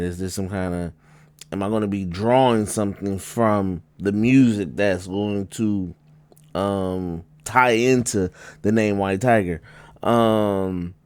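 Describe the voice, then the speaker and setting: A man giving a casual spoken album review, rambling with many fillers and restarts, and jumping up in pitch for emphasis. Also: darkish tone, no room sound.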